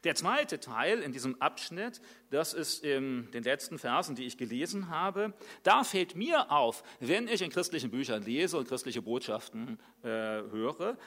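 A man's voice: a little high, a bit bright. A middle-aged man preaching a sermon in a conversational way, asking the listeners questions.

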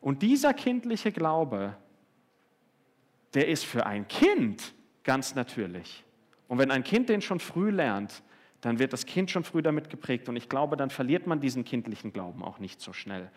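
A man's voice: mid-range voice, very animated, measured pace. A man giving an earnest sermon, speaking directly to his listeners with frequent tag questions. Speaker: preacher.

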